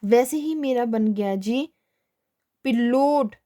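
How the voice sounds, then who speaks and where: A young woman teaches shorthand at a slow pace, her mellow voice sitting on the high side. Patiently she questions herself, answers, and repeats "ठीक है" as she moves through each step.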